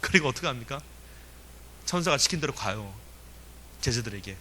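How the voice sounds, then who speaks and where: Bright, animated Korean pastor. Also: male voice, mid-range voice, brisk, slight background noise. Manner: animated, emphatic, with chuckles and rhetorical questions. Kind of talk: sermon.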